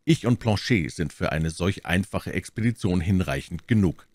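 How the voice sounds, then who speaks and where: A bold, impetuous young swordsman, played by a male reader in a storybook reading. He speaks with confident drive, lifting his voice above the reader's deep own tone. Dry, close sound. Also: no room sound. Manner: confident, urging, quickly excited.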